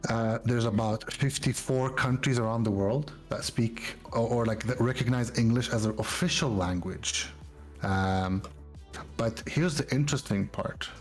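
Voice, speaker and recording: A man's voice: mid-range voice, a little slow, soft background music. A man co-hosting a podcast in casual chat, explaining facts and often checking in with his listeners. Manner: explanatory, keeps checking in with "right?" and "you know?". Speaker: podcast co-host.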